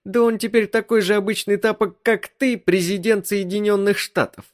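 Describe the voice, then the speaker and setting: A man voicing an agitated young wife in a high, squealing, indignant tone in an audiobook. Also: fairly even intonation, normal speed, lightly acted. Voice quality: shrill. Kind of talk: audiobook reading.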